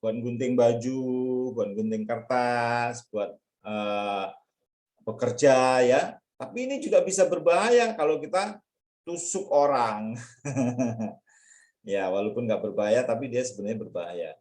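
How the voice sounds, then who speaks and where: A man teaching a children's church lesson in an animated way, acting out taunts in a high put-on voice. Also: a little slow, reverberant. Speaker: Sunday school teacher.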